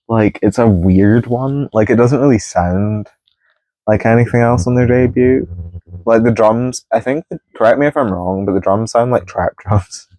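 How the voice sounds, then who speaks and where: A man's voice: on the low side, mellow, no room sound, rough recording. A man giving casual music commentary from his bedroom, chatty and laughing often. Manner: chatty, sings snippets of songs, laughs often. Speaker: music vlogger.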